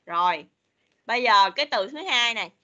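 A woman English teacher leading an online class for children, patiently repeating words slowly for them to copy. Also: fairly high pitch, lively intonation, bright, forceful tone, highs cut off. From Vietnam. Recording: video call meeting recording.

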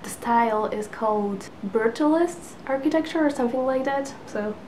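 A book vlogger in her twenties, a native Polish speaker, chats casually to a camera placed in front of her at sitting distance from a living room couch lit by a lamp, using lots of fillers and little laughs. Her voice is a little high and darkish at normal speed, and the low-quality recording carries slight background noise.

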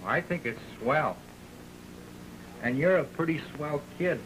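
A man's voice: on the high side, takes it slowly. An actor playing an easygoing, sweet-talking young working-class American man in an early talkie. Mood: admiring. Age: young adult. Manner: easygoing, slangy. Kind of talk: early talkie film acting. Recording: hissy old film soundtrack.

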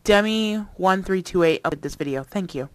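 A woman's voice: fairly low pitch, expressive, brisk, slight background noise, low-quality recording. A woman vlogger in casual webcam chat, rambling and swearing freely, recorded on a cheap computer mic.

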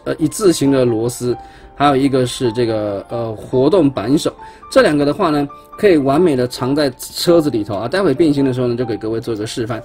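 A man's voice: medium pitch, a little fast, a little mellow, soft background music. A man, chatting casually while he shows step by step how a toy is put together, often stumbling and repeating words as he handles parts at an indoor tabletop. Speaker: toy reviewer. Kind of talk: casual unboxing demonstration.

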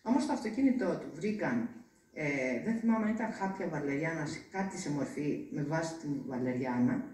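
A woman, an interviewed mother, retelling a tense incident with hesitations and shifts in pitch. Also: expressive, a little mellow. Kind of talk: emotional recounting interview. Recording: echoey, distant mic.

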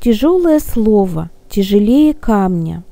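A woman's voice: medium pitch, very animated, takes it slowly, vocal fry, mellow, no room sound, full character voice. A woman reading as a gallant old gnome. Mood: soothing. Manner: gallant, soothing. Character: kindly old male gnome, gallant and gentle.

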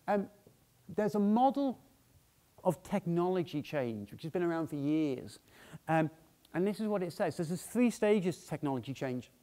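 High-voiced man giving a chatty conference talk. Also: a little mellow. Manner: chatty, asks "yeah?" to the audience often. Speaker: conference speaker. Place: large dim conference hall, on stage.

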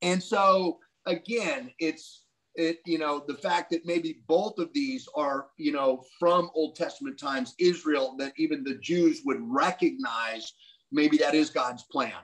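Over a webcam in a room at home, an older man with a fairly high, fairly bright voice talks unhurriedly as co-host of a casual video call on Bible prophecy. His thoughtful, musing delivery has many restarts, and the recording is rough.

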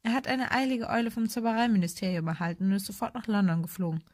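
A woman's voice: mid-range voice, fast, no echo, close to an everyday voice. A woman voicing a stern, cool older female professor who talks in a clipped, brusque way.

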